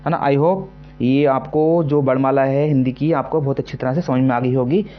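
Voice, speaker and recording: A man teaching an exam-prep lesson, repeating himself often and slowly sounding out syllables to demonstrate them. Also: medium pitch, fairly even intonation, dull audio, soft background music. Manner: repetitive, keeps asking "है ना" and "ठीक है".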